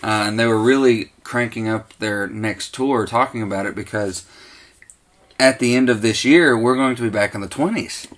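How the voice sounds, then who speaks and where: A man in his thirties with a Southern American accent co-hosts a casual podcast from a home man cave. His voice is fairly low with a fairly bright tone at normal speed, and he's upbeat, joking and laughing often.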